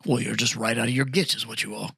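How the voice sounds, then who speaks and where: A man voicing a proud, quarrelsome male ork warrior who craves worthy foes, rasping and gravelly, mocking and trash-talking in ork slang, in an improvised in-character debate. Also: medium pitch, fairly even intonation, quick pace, sharp tone, voice pushed down, exaggerated voice. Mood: scornful.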